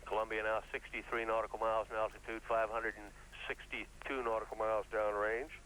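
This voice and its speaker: A man's voice: on the low side, flat delivery, fairly quick, a bit bright. A man giving matter-of-fact mission control radio commentary, calling out technical figures. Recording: faintly noisy radio feed.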